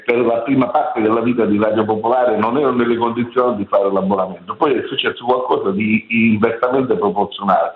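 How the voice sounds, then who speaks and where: An older man calls in to a radio show, his voice thin and squeezed through a poor phone line that sounds like speakerphone. The line is hollow and echoey, as if he sits in a bare room. He talks earnestly and critically, pausing often on fillers. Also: fairly low pitch. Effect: heard over a poor phone line, sounding like speakerphone. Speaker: radio call-in listener. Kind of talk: phone-in comment on live radio.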